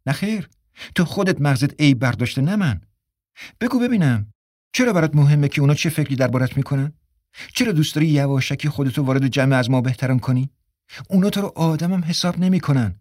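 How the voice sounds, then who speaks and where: A man reading an audiobook, voicing a sharp-tongued, scornful young woman who mocks and provokes. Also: a little high, animated, no echo, clean studio sound. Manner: mocking, provocative.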